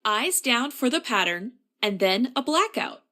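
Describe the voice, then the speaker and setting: A woman working as a bingo caller, announcing numbers in set phrases with a deliberate, formulaic delivery. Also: on the high side, big pitch swings, sharp tone.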